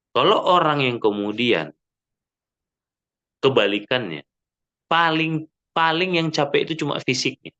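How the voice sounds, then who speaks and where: A man giving an Islamic sermon in a mosque, lively and full of rhetorical questions, often checking with the audience. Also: medium pitch, muffled recording. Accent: Indonesian. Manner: frequent "ya kan?" checks with the audience. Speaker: preacher.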